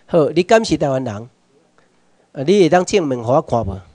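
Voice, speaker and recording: A man with a Taiwanese accent giving a workshop lecture to a live audience. He puts questions straight to listeners and slips into Hokkien phrases, moving between quiet asides and loud urging. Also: on the high side, sing-song, brisk, dry recording. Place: meeting hall with an audience.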